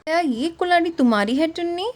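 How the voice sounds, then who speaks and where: A motherly river goddess from a cartoon tale, voiced by a woman, kind but firm. She speaks in a high, calm and commanding way. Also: fast talker. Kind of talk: cartoon voice acting.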